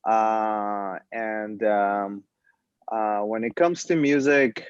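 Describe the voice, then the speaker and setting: A man from Colombia, a band member, talking in a relaxed, rambling way during a casual interview. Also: lowish voice, drawn-out words, clear, resonant tone, dry recording, highs cut off. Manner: relaxed, rambling, laughs easily.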